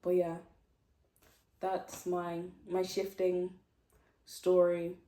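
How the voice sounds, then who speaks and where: A woman's voice: lowish voice, monotone, extremely slow, mellow, slight background noise. A young woman casually telling a story, giggly and rambling with lots of fillers. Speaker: vlogger. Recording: echoey room, distant mic.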